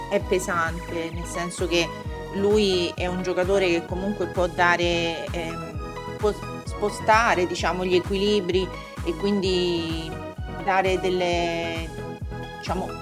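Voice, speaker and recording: A woman calling in to a radio show by phone, chatting casually and hesitantly, searching for her words with many fillers. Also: fairly low pitch. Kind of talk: casual phone-in chat about football.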